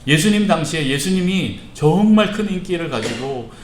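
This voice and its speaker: Lively male pastor in an echoey church. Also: on the high side, moderate pace, a little hiss or hum. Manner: lively storytelling, acting out voices, asking the children questions. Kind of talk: children's sermon at a church service. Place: church sanctuary.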